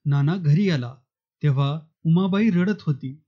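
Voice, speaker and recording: A man reading a novel aloud in a steady storytelling manner. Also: on the high side, a little slow, dull audio. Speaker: audiobook narrator.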